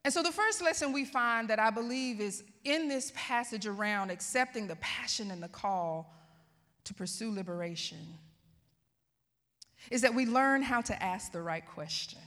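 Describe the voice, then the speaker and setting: Woman preacher, high clear voice, expressive sermon delivery, reverberant hall. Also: normal speed. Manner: expressive preaching, calling out to the congregation. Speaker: pastor.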